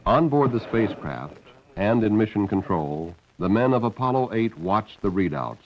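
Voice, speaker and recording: A man's voice: fairly low pitch, sing-song, normal speed, slight background noise. A man reading scripted documentary narration as on an old film soundtrack. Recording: dull band-limited old film soundtrack.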